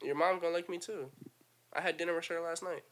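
A man co-hosting a podcast in casual chat, teasing and trolling the others with deadpan jokes. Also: a little high, quick pace. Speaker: podcast co-host.

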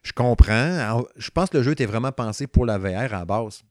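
A young man with a Quebec French accent talking casually about a video game he reviews, excitable and rambling, full of slang and restarts. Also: mid-range voice, a little fast, no room sound, clean studio sound. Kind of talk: casual gaming chat.

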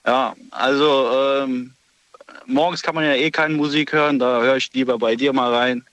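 A man's voice: mid-range voice, fairly even intonation, a bit bright, dry recording, low-quality recording. Hesitant man calling in by phone. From Frankfurt, Germany. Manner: hesitant, halting, many fillers. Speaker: radio call-in caller. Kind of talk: casual phone chat.

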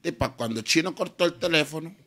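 A man's voice: fairly high pitch, brisk, sharp tone. A man telling a long story casually as a podcast guest. He talks in slang and keeps tagging his sentences with questions.

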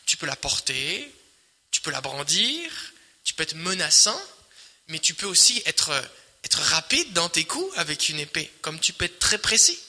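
A man preaching, his voice high and piercingly bright. He drives his points home by repeating phrases, rising loud and then sinking almost to a murmur. The sound rings in a long reverb, as from a large hall. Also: big pitch swings, unhurried. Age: adult, married. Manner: emphatic, repetitive preaching with swells and quiet drops. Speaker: pastor. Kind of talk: sermon.

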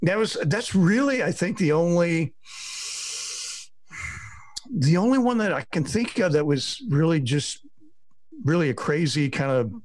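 Pausing often, a middle-aged man who covers sports tells wandering stories for a casual podcast and plays out people's lines. His slightly high voice is expressive and a little slow.

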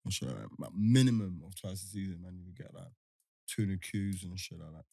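A man's voice: deep voice, brisk, vocal fry, warm tone, slightly rough, dry recording, clean studio sound. A man with a London roadman accent telling stories in casual podcast banter, heavy on street slang and tag questions. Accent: London, urban roadman street slang. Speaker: podcast host. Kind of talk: casual chat, storytelling banter.

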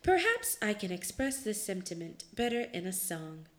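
A woman's voice: medium pitch, big pitch swings, normal speed, close to an everyday voice. A woman voicing a theatrical female robot who talks and sings with dramatic show-tune flair. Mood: prim.

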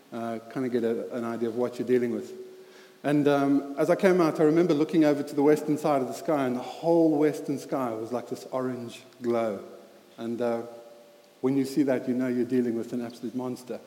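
In a roomy church hall with long reverb, a South African man in his thirties preaches as a lay preacher, weaving in a personal story. He's earnest but halting, full of fillers and restarts. His voice is mid-pitched and mellow.

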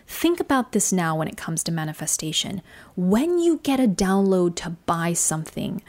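A woman with a medium-pitched, darkish voice hosts a solo podcast, telling personal stories in an earnest, reflective manner with frequent changes in pace. She was born in Singapore and grew up in Australia.

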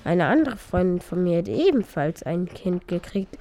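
A woman voicing a sly, greedy female cat who lies to her friend, with an evasive, smug drawl and a lower, slightly distant sound. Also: expressive, normal speed, warm tone. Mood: fake apologetic.

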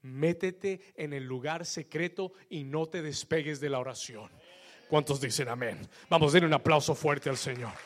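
A male pastor delivering a sermon, switching between Spanish and English phrase by phrase and building to loud exhortations. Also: on the high side, normal speed. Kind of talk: bilingual sermon.

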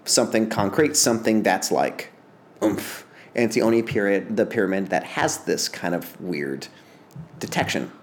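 A man telling a strange story in casual chat, rambling and animated, laughing often and acting out quotes in raised voices. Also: lowish voice, normal speed, slight background noise.

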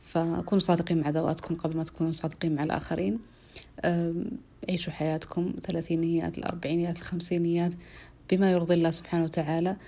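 Woman in her 30s, solo podcast host, low-ish voice, earnest, drawn-out fillers. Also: flat delivery, gravelly, warm tone. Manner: earnest, repeats herself, pauses on drawn-out fillers.

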